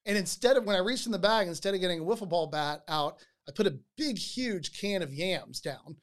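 A podcast host telling a story with lively energy, often repeating words as sentences start. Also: mid-range voice, a little fast.

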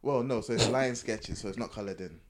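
A young man co-hosting a podcast chats casually and candidly in a group conversation, repeating phrases as he explains things. His voice is medium-pitched and brisk, with crowd noise in the background.

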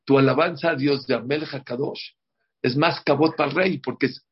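A man with a husky mid-range voice talks a little fast while teaching a group a religious class in the run-up to a holiday. Forceful in tone, he repeats words and keeps asking "ok?". The recording sounds dull and lo-fi.

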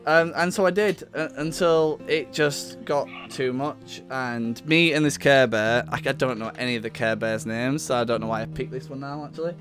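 Comedy podcast host, male, mid-pitched, profane and rambling, faint guitar underneath. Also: normal speed, few pauses, fairly bright tone. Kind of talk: improvised comedy storytelling.

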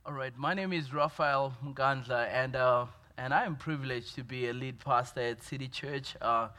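A man's voice: mid-range voice, steady tone, moderate pace, sharp tone. A man from Zimbabwe with a Zimbabwean accent, a pastor giving a church update with many fillers and restarts.

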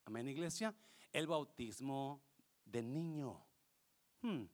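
A male pastor, preaching a passionate sermon that swings from quiet explanation to shouting, with English words mixed in. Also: medium pitch, animated, slow pace.

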